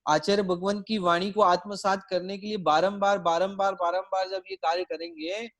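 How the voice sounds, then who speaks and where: A man's voice: high-pitched, fairly even intonation, normal speed, fairly bright tone. A man giving a Jain sermon to a seated audience, telling a story and putting questions to his listeners. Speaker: Jain preacher. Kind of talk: sermon with a told anecdote. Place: hall with a live audience.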